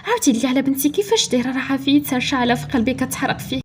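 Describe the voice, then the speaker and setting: A woman's voice: sits high, lively intonation, very fast, darkish tone, a little hiss or hum. A woman with a Moroccan accent voicing a middle-aged mother who has found her lost daughter, speaking tearfully and pleadingly.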